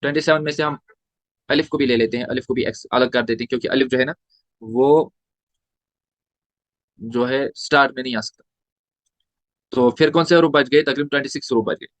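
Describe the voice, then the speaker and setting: A man's voice: medium pitch, fairly quick, long pauses, no room sound. A man teaching a tajweed lesson, spelling out letters and vowel marks one by one and asking and answering his own questions. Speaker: Quran recitation teacher.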